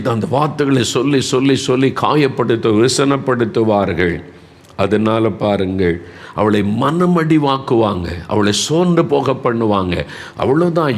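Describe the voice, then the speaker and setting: A man preaching a devotional sermon. He repeats words for emphasis and moves between soft, slow lines and raised, pressing ones. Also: medium pitch.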